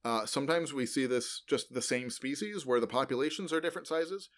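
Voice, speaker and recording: A man co-hosting a podcast, explaining things in a loose, informal way and filling pauses with many ums, uhs and likes. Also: mid-range voice. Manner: rambling, many ums and uhs, self-correcting; loose and informal, uses "like" often. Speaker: podcast co-host explaining paleontology. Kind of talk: casual educational podcast chat.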